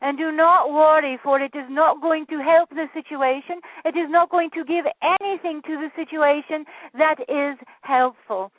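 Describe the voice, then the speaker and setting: A woman's voice: sits high, steady tone, moderate pace, few pauses, slight background noise, pitched above the performer's own voice, close to an everyday voice. A woman voicing a benevolent channeled spirit guide, giving solemn, repetitive, incantatory commands to her listeners. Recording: tinny phone-line sound, dry.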